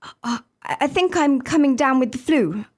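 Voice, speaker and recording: A woman's voice: high voice, expressive, moderate pace. A woman playing a sick employee in a scripted lesson dialogue, acting unwell and hesitant. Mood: ill, apologetic. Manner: acting unwell, hesitant, coughing and throat-clearing. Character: sick female employee calling in sick. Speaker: dialogue actor and example announcer.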